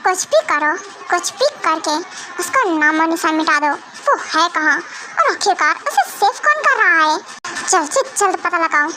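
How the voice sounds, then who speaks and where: A woman's voice: very high voice, sing-song, a little slow, background noise, pitched below the performer's own voice, exaggerated voice. A young woman voicing a ruthless, possessive male vampire king who barks commanding orders in an amateur fan dub. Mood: menacing. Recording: music playing under the voice.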